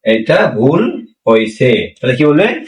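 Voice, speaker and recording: A man teaching a language lesson, repeating phrases slowly and asking the class rhetorical questions. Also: medium pitch, animated, a little mellow. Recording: roomy, mic far from speaker.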